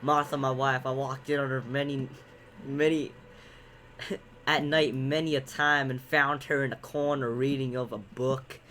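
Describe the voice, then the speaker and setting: A stubborn, fussy old farmer, as a young man puts him on, declaiming his words loudly and slowly with a strained, reedy lift. There is a steady hiss of noise behind him in a home recording. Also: mid-range voice, lightly acted.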